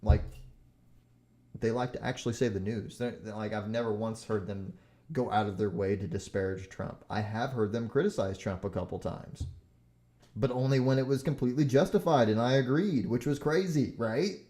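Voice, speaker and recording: A man's voice: mid-range voice, normal speed, dark tone. A young man hosting a solo podcast, rambling with many fillers, swearing and getting heated as he talks. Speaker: podcast host.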